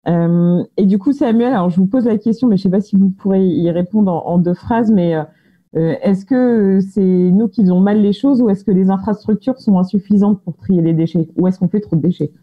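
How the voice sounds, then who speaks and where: A woman's voice: mid-range voice, brisk, husky. A woman moderating a round table without a script, hesitant and rephrasing her questions as she goes. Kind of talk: unscripted panel moderation. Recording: dull band-limited phone-like sound.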